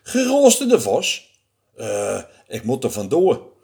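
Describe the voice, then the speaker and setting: A man's voice: mid-range voice, huge pitch swings, takes it slowly, gravelly, a little mellow, husky, heavily acted. A man voicing a sly fox in a storybook reading, talking in a nervous, hasty way. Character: sly hungry male fox.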